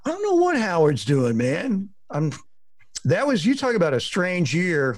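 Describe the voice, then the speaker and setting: A man's voice: high-pitched, wildly swooping pitch, unhurried, dry recording. A middle-aged man, a sports reporter, telling rambling stories on a podcast and acting out what people said. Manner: rambling storyteller, acts out quotes. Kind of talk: casual podcast chat.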